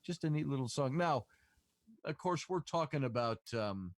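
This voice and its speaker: On a clean, dry studio recording, a man with an expressive mid-range voice hosts a podcast at a moderate pace. He rambles through long, casual stories packed with fillers.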